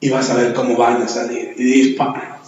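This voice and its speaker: A man's voice: mid-range voice, level tone, normal speed, darkish tone, lo-fi sound. A middle-aged man preaching a sermon in a church, emphatic, repeating his phrases and adding jokey asides. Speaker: pastor. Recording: echoey church hall.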